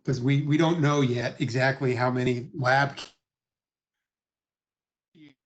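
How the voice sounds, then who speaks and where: A man delivers a formal budget briefing in a halting way, full of fillers and restarts. His voice comes over a remote connection that keeps breaking up and dropping out, so words fade and cut off. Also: mid-range voice, fairly even intonation, dull audio. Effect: remote audio connection breaking up, dropping out. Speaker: budget presenter at a committee meeting.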